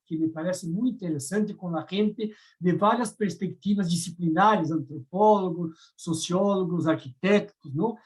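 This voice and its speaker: A Brazilian woman, a native Portuguese speaker with a Brazilian accent, serves as a discussant on a round-table panel, giving thoughtful academic commentary and often pausing to find her words. Her voice is mid-range, and the audio quality is poor.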